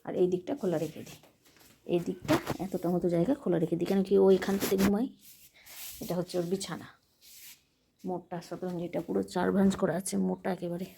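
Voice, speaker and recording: A woman's voice: fairly low pitch, steady tone, quick pace, gravelly, noisy background. A woman chatting casually in a home vlog, explaining things as she shows them around her house. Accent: Bengali. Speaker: vlogger.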